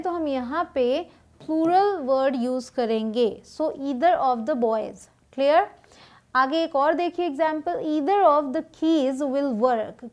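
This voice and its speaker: High-pitched woman, grammar teacher; slow deliberate example sentences, quick check-in asides. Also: a little mellow. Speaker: English teacher. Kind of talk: spoken grammar lesson.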